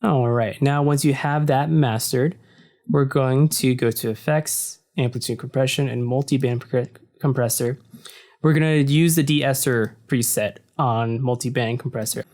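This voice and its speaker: Going a little slow, the deep-voiced tutorial narrator eases through an audio-editing walkthrough in a casual, explanatory way, peppered with "so" and "uh". He records this screen capture at his desk in a home room without soundproofing, the desk mic facing his computer screen.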